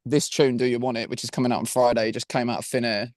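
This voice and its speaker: A man with a broad Essex Estuary accent talks quickly and casually as an interview guest. His speech is chatty and full of slang and conversational tags. The sound is close and dry, with an average male pitch. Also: little pitch movement, no room sound. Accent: broad Essex, Estuary English. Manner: chatty, slangy, peppers talk with "man" and "you know what I mean". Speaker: rock band singer-guitarist and songwriter, interview guest. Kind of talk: casual chat.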